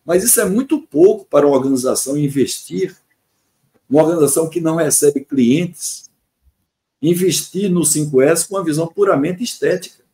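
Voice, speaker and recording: This man, 62 and Brazilian-accented, talks about his engineering consulting in a semi-formal explanatory answer on a podcast. His voice is on the high side, dark in tone and slightly fast, and he makes his case earnestly through repetition and enumerated points.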